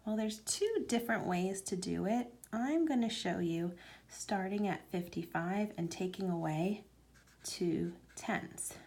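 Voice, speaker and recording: A woman math teacher talking slowly through a homework lesson, explaining each step as she writes and sometimes dropping to a near whisper. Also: medium pitch, a little mellow. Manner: slow, step-by-step explaining while writing.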